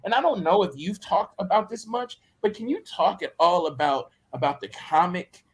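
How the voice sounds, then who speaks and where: A man from Mississippi with a Southern American accent interviews a writer in conversation, speaking casually and reflectively. His high, expressive voice moves at a moderate pace and sounds slightly rough. He circles back over phrases as he builds each thought.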